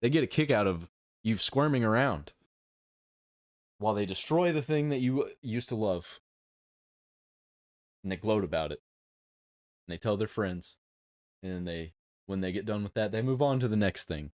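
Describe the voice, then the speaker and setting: A man with a fairly low, darkish voice hosts a casual reaction video, delivering blunt, emphatic opinions in short, halting phrases with lively intonation. The recording is dry and close, with little room sound and no echo.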